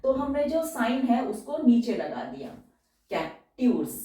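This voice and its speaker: A woman teaching a shorthand lesson, going step by step and repeating each example word slowly. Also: on the high side, very animated, warm tone. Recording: very echoey room, voice from far off.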